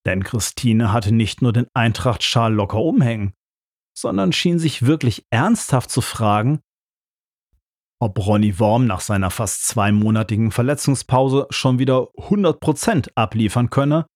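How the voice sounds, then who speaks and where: A man's voice: mid-range voice, expressive, unhurried, a little mellow, no echo. A man narrating an audiobook with dry, ironic storytelling.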